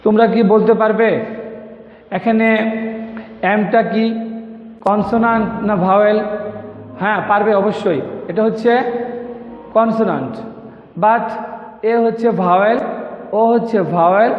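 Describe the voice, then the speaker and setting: Casting: high-voiced male teacher from Bangladesh, slow and patient, dull lo-fi sound. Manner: slow, patient, repeats words for students. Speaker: English teacher. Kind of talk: online grammar lesson. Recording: echoey room, dull lo-fi sound.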